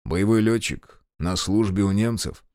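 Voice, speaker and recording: A man voicing a calm male officer who questions curtly and with dry irony. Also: lowish voice, unhurried, clean tone, dry recording, close to an everyday voice. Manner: curt, ironic.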